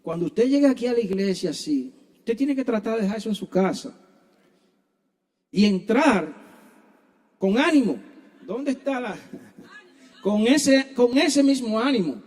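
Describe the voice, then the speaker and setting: A man's voice: sits high, expressive, measured pace, long pauses, a little mellow. A man preaching a sermon in church, earnestly addressing his listeners as brothers.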